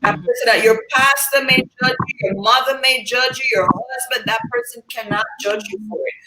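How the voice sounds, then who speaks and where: A woman's voice: on the high side, moderate pace. A woman hosting a panel discussion, guiding the talk and affirming her guests eagerly. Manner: warm, affirming, eager agreement. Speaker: host. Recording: roomy echo, faint noise.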